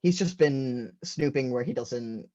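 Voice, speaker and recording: A man's voice: mid-range voice, unhurried, dark tone, lightly acted. Guy doing his mom, dismissive, brushing off nosy questions. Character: evasive middle-aged mother hiding family secrets.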